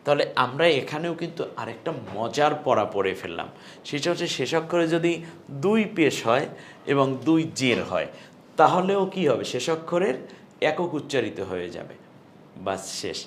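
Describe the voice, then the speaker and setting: A man's voice: mid-range voice, very animated, a little hiss or hum. A man with a Bangladeshi Bengali accent teaching an online lesson on Quran recitation, explaining rules step by step. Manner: explains step by step, chants recited verses slowly.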